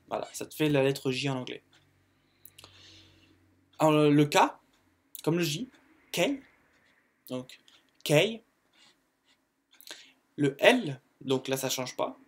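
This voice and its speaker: A man hosting his own video, teaching in a casual, chatty way with frequent hesitations and restarts. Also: medium pitch. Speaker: YouTube host teaching the English alphabet. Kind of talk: casual informal tutorial.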